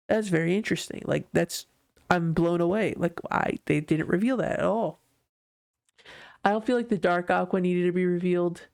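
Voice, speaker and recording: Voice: mid-range voice, creaky, dry recording, clean studio sound. A podcast host talking alone in a casual monologue, rambling and correcting themselves often. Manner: rambling, heavy on "like" and self-corrections.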